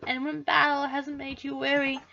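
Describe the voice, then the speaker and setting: A woman's voice: high-pitched, flat delivery, normal speed, vocal fry, lo-fi sound, background noise. Woman playing a sultry great fairy. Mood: flirty. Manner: sultry, teasing game-character voice. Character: flirty female great fairy.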